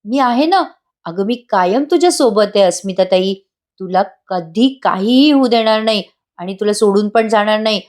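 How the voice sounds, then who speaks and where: A teasing but devoted young brother reassures his sister in warm, coaxing tones, as a woman reads his lines in a serial recap. The voice stays mid-pitched, near an everyday speaking voice. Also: expressive, moderate pace, natural voice. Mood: tender. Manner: affectionate, reassuring.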